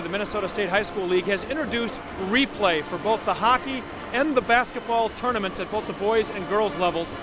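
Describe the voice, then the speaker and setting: A man calling a hockey game as play-by-play announcer in smooth broadcast style. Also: sits high, very noisy. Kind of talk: sports broadcast.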